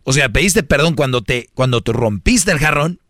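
A Mexican man hosts a lively advice talk show. He lectures his male listeners in a brash, slangy way and often mocks them. His voice sits at an ordinary middle pitch, and the recording is close and dry. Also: normal speed, dry recording. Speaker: host giving relationship advice to men.

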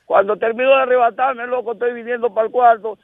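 A man's voice: very high voice, fairly even intonation, fast talker, no echo. A man in his sixties with a Caribbean Spanish accent calls a radio show, telling rambling stories in streetwise, profane slang. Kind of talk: casual rambling storytelling. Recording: radio call over a band-limited phone line.

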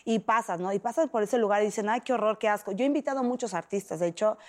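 A woman's voice: medium pitch, fast talker. A woman in her thirties with a Mexican accent, telling a personal story as an interview guest, acting out the voices of others. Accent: Mexican Spanish. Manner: animated, acts out quoted voices.

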